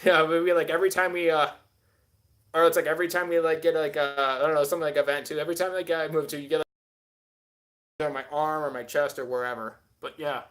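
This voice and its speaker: Guy streamer rambling fast, kinda high voice, lots of likes and uhs. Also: steady tone, fairly bright tone. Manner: rambling, heavy filler words. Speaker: live stream host. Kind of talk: casual live stream chat.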